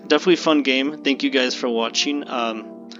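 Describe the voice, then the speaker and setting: A man hosting a gameplay video, talking casually and haltingly, with restarts he admits are stuttering. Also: medium pitch, fairly even intonation, over music. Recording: slightly dull lo-fi recording.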